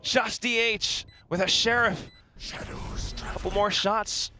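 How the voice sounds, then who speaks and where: A high-pitched male esports caster calling live play-by-play. He is excitable and dramatic in his delivery, with game gunfire behind his voice. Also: slow pace, a little hiss or hum.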